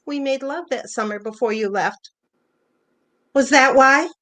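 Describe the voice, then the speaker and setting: A woman with a high, somewhat bright voice speaks at a measured pace, playing a hurt, jealous older wife who is pointed and probing. It's a virtual staged play reading with naturalistic dialogue.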